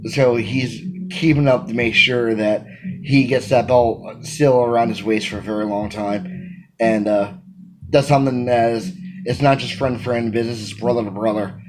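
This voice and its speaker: A man's voice: mid-range voice, background noise. Emphatic man in his thirties. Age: 30s. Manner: energetic, emphatic, gestures a lot. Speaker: wrestling manager. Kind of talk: answering read-out interview questions to camera. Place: small indoor room at home. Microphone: phone camera at arm's length.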